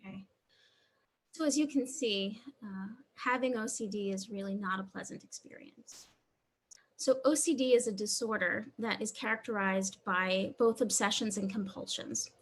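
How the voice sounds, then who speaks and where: A woman psychologist giving an online lecture over a video call, explaining in a measured way. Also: medium pitch, husky. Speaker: psychologist presenter.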